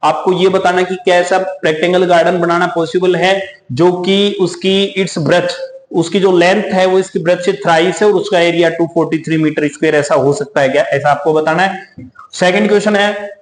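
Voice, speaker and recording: A man runs a maths class, walking through each step and calling the students "beta". His voice sits a little high, and the room gives it a roomy echo. He slows down when he reads English problem text aloud. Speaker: maths teacher. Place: coaching classroom. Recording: echoey room.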